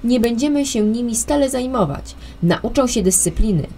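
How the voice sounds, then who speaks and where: A woman voicing an excited, carefree father who keeps exclaiming eagerly. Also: fairly high pitch, moderate pace, a little hiss or hum, voice pushed up.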